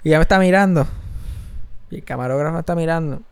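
Podcast co-host, Puerto Rican man, a bit of fry in the voice, lively anecdotes peppered with English. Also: on the high side, quick pace, slight background noise. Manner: animated, mixes English into Spanish, laughs often. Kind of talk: casual storytelling chat.

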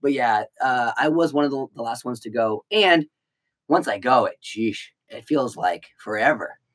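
Young guy cohost, jokey, quick little asides, laid back banter. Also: medium pitch, animated, fairly bright tone. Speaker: podcast co-host. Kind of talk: casual chat.

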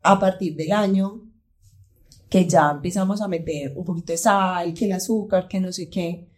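Chatty Colombian woman with a mellow voice. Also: on the low side, normal speed. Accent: Colombian Paisa. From Colombia, Pereira. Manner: animated, acts out her child's voice in quotes. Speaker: guest, mother and entrepreneur. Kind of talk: casual conversational chat.

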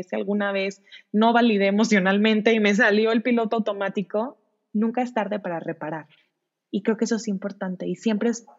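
A woman, a guest on an interview podcast, talking in an animated way and acting out parent-child dialogues. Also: mid-range voice. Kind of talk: conversational interview. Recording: dull lo-fi sound.

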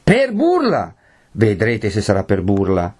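A man voicing an enraged young man who shouts threats in a storybook reading. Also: fairly low pitch, lively intonation, measured pace. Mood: furious. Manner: shouting, vehement. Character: furious young man, hot-tempered and threatening.

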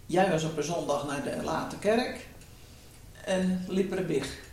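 An elderly woman reminisces casually. Her voice is creaky and sits far from the microphone in a very echoey room, on a noisy old tape. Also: low voice, measured pace, darkish tone. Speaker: interviewee recalling wartime memories. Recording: distant, very echoey, hissy home tape.

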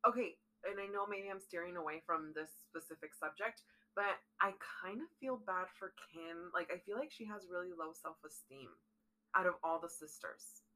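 A young woman co-hosting a casual chat, animated, getting worked up and restarting her thoughts. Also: on the low side, moderate pace, low-quality recording. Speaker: podcast co-host.

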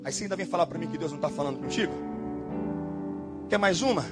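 A male pastor preaching an impassioned sermon at a church service, swinging between shouted declarations and low, rapid asides. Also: over loud music.

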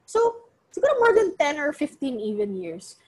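Young woman, casual storyteller, high lively voice, Filipino-English mix. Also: moderate pace. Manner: animated, Taglish code-switching, many fillers.

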